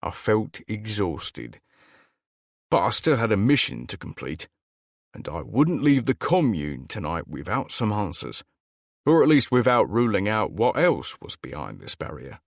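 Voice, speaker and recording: A man narrating a fantasy audiobook in steady, first-person storytelling style. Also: fairly low pitch, measured pace, gravelly, no echo, clean studio sound. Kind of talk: scripted narration.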